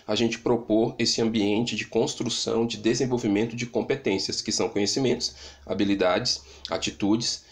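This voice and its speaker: A man with a Brazilian Portuguese accent recording a lecture from his home, explaining step by step and often checking in with "né?". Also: on the low side. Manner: explanatory, frequent "né?" tag questions. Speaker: teacher. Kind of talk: recorded lecture on literacy stages. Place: home with an open window.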